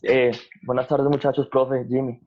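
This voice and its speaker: A man's voice: mid-range voice, flat delivery. Man on a tinny line. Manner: halting, searching for words. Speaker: student asking a question. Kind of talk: casual question in class. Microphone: video call.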